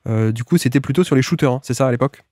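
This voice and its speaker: A man hosting a casual podcast, sounding congested and a little gravelly from a cold. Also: medium pitch, rapid-fire, a little mellow, dry recording. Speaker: podcast host.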